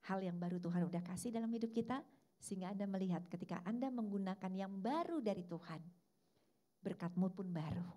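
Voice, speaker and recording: A woman preaches a church sermon with plenty of energy. Her voice sits in a middle pitch, and she rises and falls as she leads the congregation in call-and-response. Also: brisk, warm tone. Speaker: pastor.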